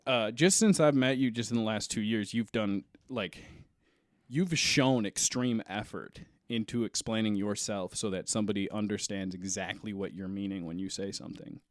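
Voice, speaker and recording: A man's voice: lowish voice, normal speed, no echo, studio quality. A man co-hosting a casual podcast, talking bluntly and jokingly, with plenty of swearing. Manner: blunt, joking, profane, supportive. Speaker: podcast co-host.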